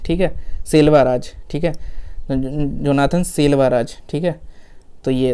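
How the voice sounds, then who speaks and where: A man's voice: a little high, warm tone, clean tone. A man teaching current affairs for exams in a casual Hindi lecture, full of memory tricks, who often adds "theek hai" and "hai na" and corrects himself mid-sentence. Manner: chatty, repeats "theek hai" and "hai na". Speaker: exam-prep teacher.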